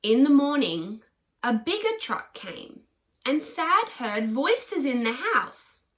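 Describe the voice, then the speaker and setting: A woman's voice: high-pitched, big pitch swings, slow. A woman storyteller reading a picture book aloud to children in a simple, child-directed way.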